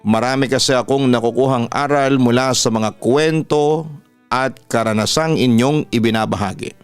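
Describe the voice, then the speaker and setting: A Filipino-accented radio announcer reads a scripted first-person story as host, his mid-range voice clear and resonant at a moderate pace. The recording is dry, with background music playing behind him.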